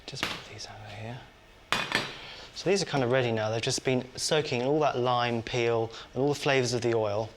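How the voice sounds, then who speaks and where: A man's voice: medium pitch, fairly even intonation, a little fast, hardly any pauses, heavy background noise. A man hosting a cooking show, chatting casually as he prepares food in his kitchen. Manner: chatty, talks while cooking and tasting. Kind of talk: cooking demonstration.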